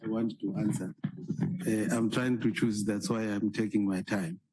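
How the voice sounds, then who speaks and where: A man answers questions at a formal hearing, hesitant and halting, often pausing on fillers. His voice sits low and sounds husky and dark. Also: steady tone. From Zimbabwe. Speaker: college principal.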